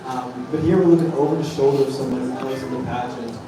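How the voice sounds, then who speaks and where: A man who makes documentaries answers press questions, often stopping to hunt for the right word and starting over. His voice carries from a distance through a very echoey room. A steady background noise runs under him. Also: mid-range voice, fast talker. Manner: hesitant, searching for words, many fillers and restarts. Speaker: documentary filmmaker.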